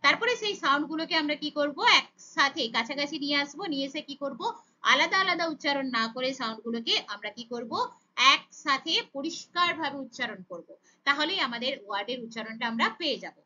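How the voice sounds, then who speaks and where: Female teacher, high and bright voice, animated phonics drills for small children, slightly dull lo-fi audio. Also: quick pace. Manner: sounds out letters then blends, asks rhetorical questions with "okay?".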